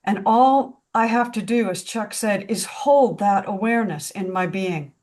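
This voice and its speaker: Slow, reflective woman facilitator. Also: medium pitch, darkish tone. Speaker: discussion group facilitator. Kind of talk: spiritual group discussion.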